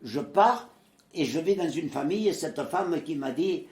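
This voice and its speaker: A man's voice: on the high side, unhurried, echoey room. A man in his nineties, originally from Marseille, telling his wartime memories in conversation and acting out the voices of people he quotes, with frequent hesitations. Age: 90s. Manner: lively storyteller who acts out quoted voices, with frequent hesitations. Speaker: interviewee, former resistance fighter.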